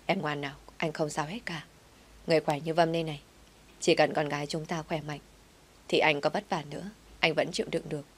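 A woman voicing a gentle, devoted young husband who speaks softly and reassuringly to his wife. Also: fairly high pitch, level tone, a little fast, lightly acted. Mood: tender. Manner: soft, soothing, reassuring.

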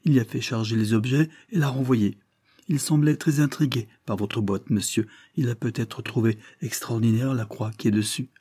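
A man's voice: mid-range voice, fairly even intonation, normal speed, mellow, breathy edge, no echo, close to an everyday voice. A man voicing a flustered, humble male villager who pleads and defends himself. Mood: defensive.

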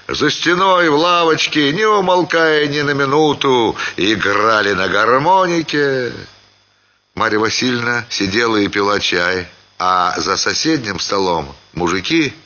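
Slow expressive guy reading a classic story, bright tone, bit dull radio sound. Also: fairly low pitch. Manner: measured, expressive. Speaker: narrator. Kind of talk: theatrical literary reading.

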